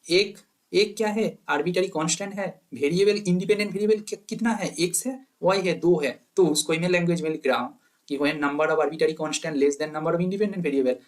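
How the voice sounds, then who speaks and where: A man's voice: on the high side, normal speed. A man teaching a maths lecture, asking questions and answering them himself, mixing in English terms. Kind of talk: lecture to exam students.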